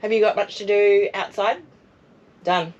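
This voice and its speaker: A hoarse woman, chatting casually and poking fun at herself in a travel vlog, outdoors at a caravan park. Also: medium pitch, fairly even intonation, a little slow, lo-fi sound. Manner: chatty, self-mocking. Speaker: travel vlogger. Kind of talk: casual chat.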